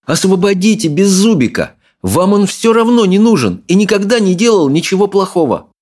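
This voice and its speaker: A man reading an audiobook, voicing a polite, quick-witted boy who speaks earnestly and pleads. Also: high-pitched, big pitch swings, darkish tone, voice pushed up.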